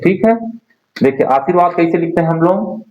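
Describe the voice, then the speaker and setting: A male teacher runs an online Hindi spelling class, drilling words by repeating them and quizzing his students. His voice is on the high side and a little fast. The recording sounds roomy, dull and lo-fi, with a bit of hiss or hum.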